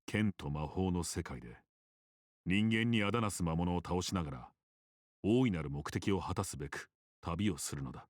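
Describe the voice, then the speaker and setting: A man voicing a calm, courteous male game master who narrates the game softly and politely, close to the ear. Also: low-pitched, no echo. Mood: solemn. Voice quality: soft, intimate, close to the ear. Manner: polite and measured.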